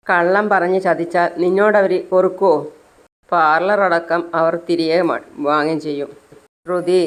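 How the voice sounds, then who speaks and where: A scheming young woman who lectures her friend and keeps pressing her point, read by a woman narrating the story. The voice is fairly low and insistent. It stays close to a plain reading voice. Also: natural voice. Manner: scolding, insistent. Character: scheming female friend, bossy and persuasive.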